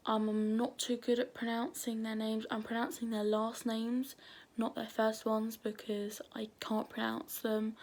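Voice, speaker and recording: A woman's voice: fairly high pitch, darkish tone. Jittery woman narrating true crime. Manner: nervous, often drops to a whisper. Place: at home at night.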